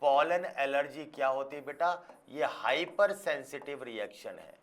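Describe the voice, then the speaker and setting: A man delivers a biology lesson to his students in an easy, explanatory way. He keeps checking whether they are following and slips English scientific terms into his talk. His voice sits at an ordinary middle pitch. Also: expressive, measured pace, slight background noise. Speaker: biology teacher. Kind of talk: classroom lecture.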